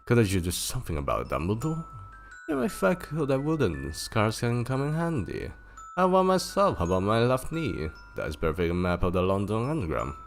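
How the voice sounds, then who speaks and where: A man doing Dumbledore, a gravelly old wizard. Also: on the low side, wildly swooping pitch, moderate pace, faint music behind, voice pushed up. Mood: gentle, wry. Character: old wise male wizard headmaster.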